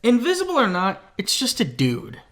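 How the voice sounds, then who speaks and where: A young man co-hosting a casual movie review chat, animated and rambling, swearing freely. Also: sits high, normal speed. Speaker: co-host.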